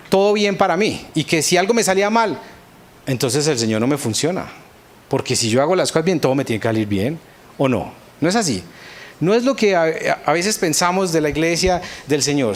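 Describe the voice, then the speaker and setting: A man with a Colombian accent delivers a heartfelt sermon. He speaks in a somewhat high voice and tells his own story, voicing his old prayers with earnest feeling. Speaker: pastor.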